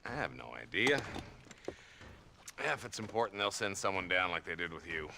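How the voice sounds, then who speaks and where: Old frontier marshal, gravelly, lively intonation, folksy sarcasm. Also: male voice, low-pitched, moderate pace, background noise, full character voice. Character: aging small-town frontier marshal, weary and dry-witted.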